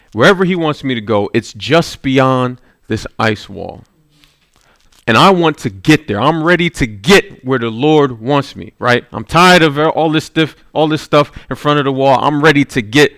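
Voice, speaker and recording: A man preaching a sermon in a mid-pitched voice, telling a personal story. He keeps checking in with the congregation, asking "right?" as he goes. The sound is close and dry. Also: a bit bright, no echo. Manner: storytelling, with rising intensity and repeated "right?".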